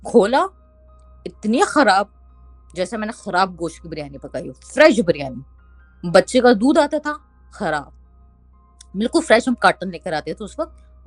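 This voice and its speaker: A young woman, casually telling a ghost story and quoting others in lively bursts. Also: fairly low pitch, dry recording. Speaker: storyteller recounting a haunting.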